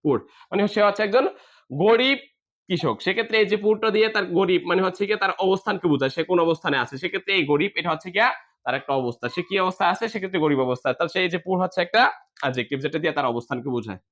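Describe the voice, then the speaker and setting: A man teaching a classroom grammar lesson in a high, light voice. He spells each word out letter by letter, then asks the class a question and answers it himself. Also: animated, rapid-fire, fairly bright tone.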